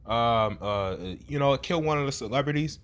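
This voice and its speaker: A man's voice: medium pitch, normal speed, smooth. A man giving an informal sermon in a rambling way, with many fillers and frequent rhetorical "right?" questions. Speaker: preacher.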